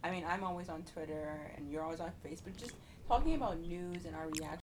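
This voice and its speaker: A woman's voice: on the low side, quick pace, noisy background. A woman in her twenties co-hosting a casual podcast with her mother, chatty and full of fillers. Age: 20s. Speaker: podcast co-host, daughter. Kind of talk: casual chat.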